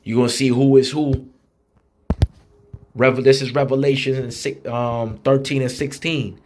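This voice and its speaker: A man's voice: medium pitch, flat delivery, a little mellow, slight background noise. Blunt man preaching an online sermon. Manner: slows down and reads scripture with emphasis; blunt, street-style preaching with rhythmic repetition. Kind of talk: online sermon with scripture reading.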